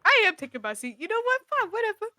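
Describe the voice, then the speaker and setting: A woman's voice: extremely high pitch, sing-song, fast, bright, forceful tone, no room sound, faint music behind, exaggerated voice. A woman voicing a brash, combative schoolgirl in a tabletop role-playing game, mouthy and defiant.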